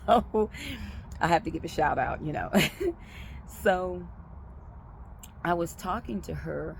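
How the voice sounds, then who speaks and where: A woman speaks slowly and thoughtfully in a reflective spoken talk, often pausing to gather her words. Her voice has a gravelly, creaky edge. Steady vehicle noise runs clearly underneath. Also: on the low side, poor audio. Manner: slow, thoughtful, pausing with frequent ums. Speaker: speaker sharing a religious reflection.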